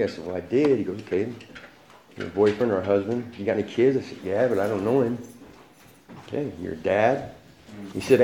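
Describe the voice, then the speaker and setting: A man in his forties tells his life story casually in street slang, laughing often as he goes. His mid-range voice is a little mellow, recorded in an echoey room with background noise.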